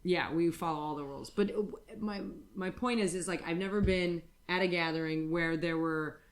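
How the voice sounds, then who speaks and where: A woman's voice: fairly low pitch, fairly even intonation, moderate pace. Rambling woman podcast host. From United States. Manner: rambling, frank and crude, with many fillers. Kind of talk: casual chat.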